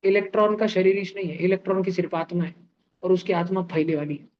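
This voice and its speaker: A man's voice: high voice, fairly even intonation, quick pace. Playful male chemistry teacher, lo-fi. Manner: playful, uses sound effects and homely analogies; keeps checking with students through questions. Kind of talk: live online class lecture.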